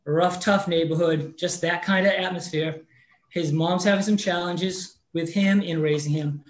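A man in his fifties, a mortgage loan officer, telling a story earnestly as a guest in an interview. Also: a little high. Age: 50s. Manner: earnest, animated anecdote telling. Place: Rhode Island. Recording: roomy echoey room.

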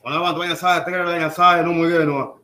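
Male sermon interpreter, high monotone voice, echoes each line, roomy church sound. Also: very fast. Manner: echoing each line in call and response.

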